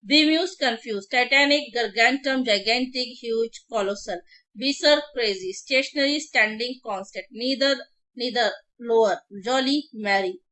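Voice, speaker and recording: A woman's voice: fairly high pitch, drawn-out words, pushed and bright. An Indian woman, a Hindi speaker, teaching exam vocabulary online, drilling words by repetition with memory tricks. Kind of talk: online exam-prep lesson.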